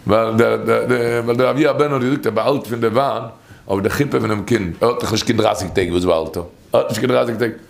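Gravelly man telling a rambling teaching story. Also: on the low side, fast talker. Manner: rambling, repeats phrases and restarts often.

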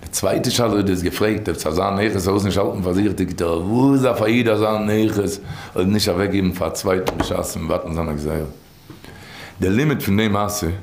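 A man telling a rabbinic tale in a rambling way, with many restarts and repeats, dropping low and then rising. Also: brisk, darkish tone, slight background noise. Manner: rambling, many restarts and repeats, swings between low murmurs and high bursts. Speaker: storyteller. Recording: roomy echo.

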